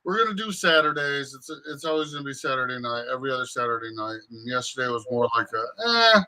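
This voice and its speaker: A man's voice: mid-range voice, lively intonation, fast talker, sharp tone. A man hosting a casual livestream, easygoing as he explains the plans for the show. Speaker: host.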